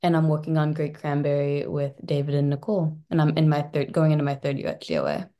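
A woman's voice: deep voice, fast, dark tone, muffled recording. A young woman in her twenties, a college student in a service corps, describing the project in a casual way that is full of "like". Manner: casual, sprinkled with "like". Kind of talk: casual interview talk.

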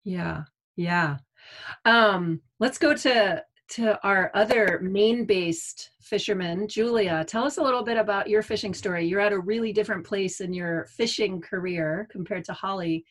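A woman's voice: mid-range voice, normal speed. Female panel moderator, mid-range voice, upbeat and encouraging.

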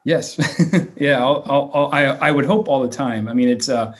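Here a thirties-aged man from the Virginia / West Virginia area, who leads a nonprofit, fields interview questions with lots of fillers and restarts. He speaks in a medium pitch with fairly even intonation and a moderate pace.

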